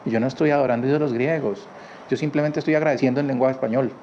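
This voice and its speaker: Man, informal Bible teacher, chatty, mid-pitched, recorded slightly dull with faint noise behind. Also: steady tone, rapid-fire, darkish tone. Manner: conversational, with rhetorical tag questions. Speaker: Torah teacher. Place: his home.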